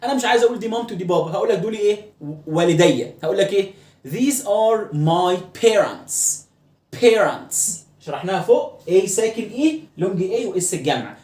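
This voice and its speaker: A man with an Egyptian Arabic accent, teaching an English lesson and explaining pronunciation, who often repeats words slowly to drill them. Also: high-pitched, expressive, darkish tone, roomy sound.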